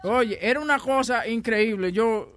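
A man's voice: very high voice, unhurried, a bit bright. A man on a radio show, telling personal stories in casual banter with laughs along the way. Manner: confessional, laughing storytelling.

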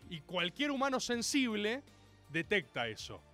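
A young man with a Rioplatense Argentine accent tells a stand-up story with mock-solemn grandeur, now and then shouting out the voices of the people in it. His voice sits very high for a man and climbs and falls in wide, lively swings. Faint music plays behind him. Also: measured pace. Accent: Rioplatense Spanish. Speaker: comedian.

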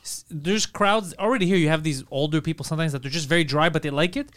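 A man's voice: fairly high pitch, fast, fairly bright tone. A man hosting a casual podcast, joking crudely and laughing often as he asks questions.

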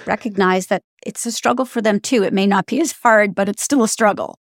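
A woman hosts a podcast interview, friendly and reflective as she shares personal stories. Her medium-pitched voice moves briskly, recorded with a clean studio sound and no room noise.

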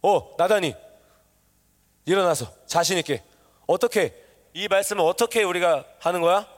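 High-voiced preacher in a reverberant hall. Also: male voice, moderate pace. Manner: animated call-and-response, coaxing and quizzing listeners. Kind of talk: interactive sermon with youth. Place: church hall. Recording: long reverb of a church hall.

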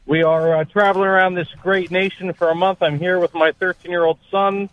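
A middle-aged man from New Jersey calling a radio show, speaking politely and earnestly, a bit haltingly. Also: high-pitched, little pitch movement. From New Jersey, United States. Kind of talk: polite, earnest phone-in question. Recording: thin, narrow phone line.

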